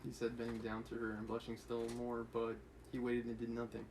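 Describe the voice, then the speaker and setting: This livestream reader works through a classic novel in a casual way, doing light character voices and chuckling during asides to his chat. His medium-pitched voice moves briskly with a completely flat delivery, and there's background noise behind him.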